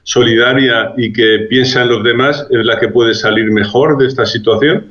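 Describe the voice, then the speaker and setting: Man explaining calmly in a roomy, dull recording. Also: medium pitch. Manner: measured, reasoned, with frequent restarts. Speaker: public health expert interviewed as guest. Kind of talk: explanatory interview answers.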